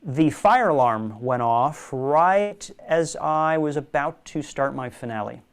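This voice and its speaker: A young man, a magician guest in a casual interview, telling animated stories and laughing often. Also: on the high side, slow, clear, resonant tone. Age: young adult.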